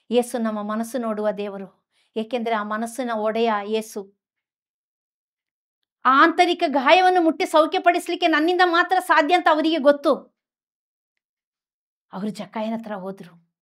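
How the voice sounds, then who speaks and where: High-voiced fervent woman preacher. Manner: fervent, repetitive, addresses listeners directly. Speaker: preacher, religious sister. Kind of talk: impassioned sermon storytelling.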